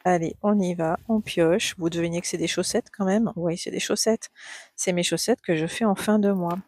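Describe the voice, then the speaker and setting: A middle-aged woman chatting in a casual knitting vlog, gushing and excitable, repeating words and laughing often. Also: lowish voice, normal speed, dry recording, clean studio sound. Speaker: knitting vlogger.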